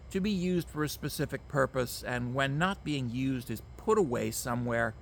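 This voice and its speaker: A man's voice: medium pitch, gravelly, a bit bright, a little hiss or hum. A man, ranting emphatically to camera outdoors, repeating himself and swearing. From Canada. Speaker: vlogger. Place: outdoors among mosquitoes.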